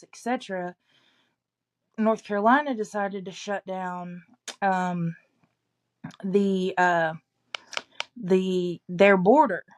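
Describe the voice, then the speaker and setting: Sharing local news in a casual chat, an East Tennessee woman speaks at medium pitch. She keeps doubling back and adding qualifications to her statements.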